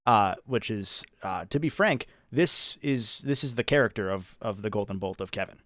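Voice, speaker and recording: A man hosting a casual livestream, talking in a practised presenter voice with a deliberate, halting, self-correcting delivery. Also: lowish voice, lively intonation, a bit bright, dry recording, clean studio sound. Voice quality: practised character speaking voice. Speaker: video creator hosting an anniversary livestream.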